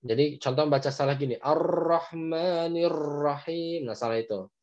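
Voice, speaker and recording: A man with an Indonesian accent teaching Quran recitation in an online class, patiently explaining and slowly demonstrating letter sounds over a video call. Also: mid-range voice, darkish tone, lo-fi sound.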